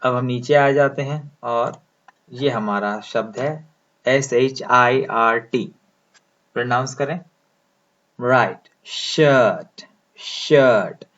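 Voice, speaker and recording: A male teacher explains English vowel sounds at an unhurried, deliberate pace. He stretches out each sound while he writes it out. His voice sits at an ordinary pitch, and the recording sounds dull and lo-fi. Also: steady tone, fairly bright tone. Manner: slow, deliberate, drawing out sounds as he writes symbols. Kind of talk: explaining lesson, speaking Hindi.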